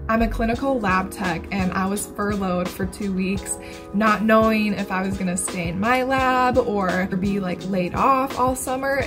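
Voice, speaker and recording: Twenty-something woman vlogging, candid and chatty, music playing underneath. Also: medium pitch. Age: 20s. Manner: candid, chatty, swears casually. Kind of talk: casual chat to camera. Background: background music.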